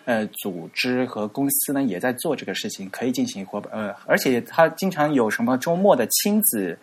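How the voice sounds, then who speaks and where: A man's voice: mid-range voice, expressive, a little fast, a little hiss or hum. A man co-hosting a podcast, talking casually and unhurriedly with many fillers. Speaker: podcast co-host. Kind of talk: casual chat.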